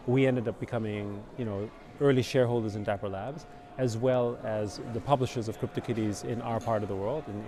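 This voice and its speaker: A middle-aged man from Austria, a company founder, answering interview questions in a relaxed, rambling way full of fillers. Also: fairly low pitch. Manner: relaxed, rambling, many fillers like "you know" and "basically". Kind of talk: conversational interview. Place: outdoors at a busy conference venue. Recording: crowd chatter behind. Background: crowd noise.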